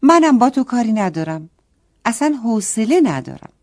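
A woman's voice: on the high side, sing-song, a little mellow, voice pushed up. A stubborn, sulky little girl from a children's storybook, as a woman puts her on. She talks in a raised, petulant voice, whining and pushing back.

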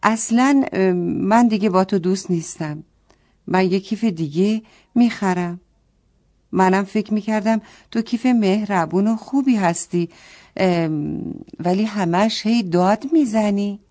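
A woman's voice: medium pitch, lively intonation, a little mellow, close to an everyday voice. A stubborn, sulky little girl from a children's storybook, as a woman puts her on. She talks in a raised, petulant voice, whining and pushing back.

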